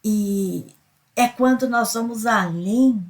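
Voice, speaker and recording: A woman's voice: fairly high pitch, takes it slowly. Earnest Brazilian woman giving spiritual advice. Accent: Brazilian Portuguese. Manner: earnest, repetitive, tags sentences with a questioning aside. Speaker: psychologist giving spiritual self-help advice. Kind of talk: spiritual self-help monologue.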